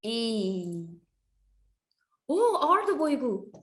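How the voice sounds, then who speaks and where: A woman teaching an English phonics lesson to young children in an animated, sing-song, encouraging way. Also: fairly high pitch, drawn-out words.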